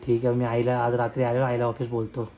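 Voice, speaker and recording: A man's voice: mid-range voice, completely flat delivery, fast talker, mellow. A young man making a prank phone call, persistent and teasing, pleading and pressing his point. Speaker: prank caller, video host.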